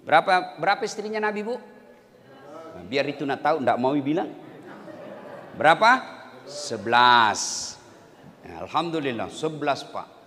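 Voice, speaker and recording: A man's voice: on the high side, sing-song, a little slow, pauses often, sharp tone. A male preacher with a Makassar-flavored Indonesian accent, giving a joking sermon, quizzing his congregation and acting out little scenes. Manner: joking, asks the audience questions, acts out scenes. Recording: reverberant hall, faint background noise.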